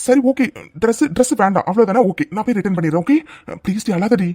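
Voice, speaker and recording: A man voicing a doting young man in a cartoon love story, teasing and then gently comforting his crying sweetheart. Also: high voice, lively intonation, fast, dry recording. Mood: coaxing. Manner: coaxing, affectionate and teasing. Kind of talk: cartoon voice acting.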